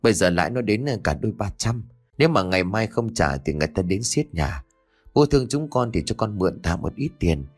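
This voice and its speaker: A man's voice: on the low side, lively intonation, fairly quick, faint music behind. A man doing a harsh, greedy grown son. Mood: wheedling. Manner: snarling, harsh.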